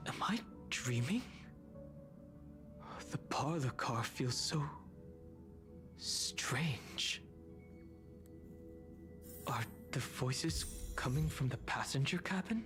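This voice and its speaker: Gentle confused young game traveler, mid pitch, slow n hesitant, music behind. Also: lively intonation. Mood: dazed, troubled. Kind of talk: video game voice acting.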